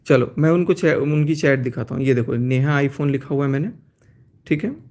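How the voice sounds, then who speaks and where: A man's voice: mid-range voice, moderate pace, a little mellow. A man on a phone live stream, explaining at length and reading out chat messages, with restarts. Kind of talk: casual live-stream account, reading out chats.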